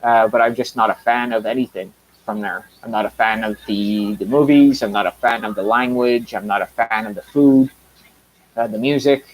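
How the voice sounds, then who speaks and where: This channel host, a man in his thirties, rambles casually on a live stream, with frequent fillers and restarts. He has a lowish voice at a moderate pace, heard through a low-quality recording.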